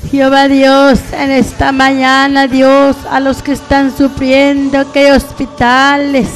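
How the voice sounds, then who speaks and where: A middle-aged or older evangelical preacher on a radio programme leads a fervent intercessory prayer in a very high, monotone voice. She pleads slowly and evenly in short, repeated appeals to God. Faint music plays behind her, and the recording is rough.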